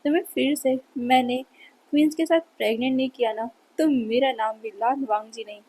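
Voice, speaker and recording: A woman's voice: high-pitched, a little fast, mellow, slightly rough. A woman voicing a proud, possessive man who boasts of his strength, in a fan fiction read-aloud. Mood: boastful. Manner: boastful, challenging.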